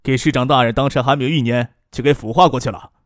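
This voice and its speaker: A man reading a novel aloud, voicing male characters in a quick bantering way. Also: medium pitch, fairly even intonation, dry recording, clean studio sound. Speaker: narrator. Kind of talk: audiobook narration with character voices.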